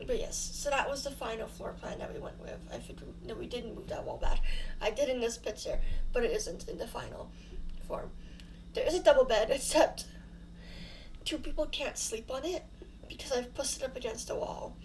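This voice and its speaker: On the high side and moderately paced, her voice comes through with background noise. She's a young YouTuber hosting her channel, casually rambling and giggling in a self-deprecating way over a home build, her mouth sore from fresh dental fillings.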